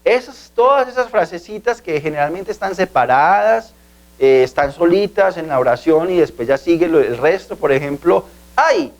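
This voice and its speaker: Male tutor, slightly raised pitch, patient and repetitive classroom delivery. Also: lively intonation, moderate pace. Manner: patient, repeats key words and asks "¿sí?". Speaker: language teacher. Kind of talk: video language lesson.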